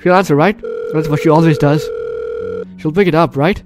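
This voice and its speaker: A man with a fairly high voice and moderate pace hosts a gaming video, commenting on the gameplay while game music plays. He reads the story text out dramatically and now and then fumbles words.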